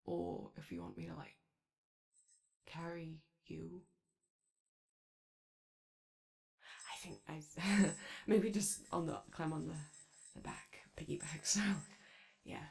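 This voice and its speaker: A woman voicing an excitable, gentle animatronic sun attendant who rambles hesitantly and chattily in an ASMR comfort roleplay. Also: fairly low pitch, vocal fry, exaggerated voice. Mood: eager, giggly. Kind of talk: ASMR character roleplay, improvised-sounding comfort monologue.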